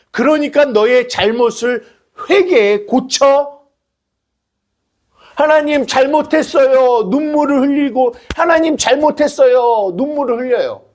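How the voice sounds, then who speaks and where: A male pastor preaching a sermon, acting out prayers and imagined dialogue as he explains his point. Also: high-pitched.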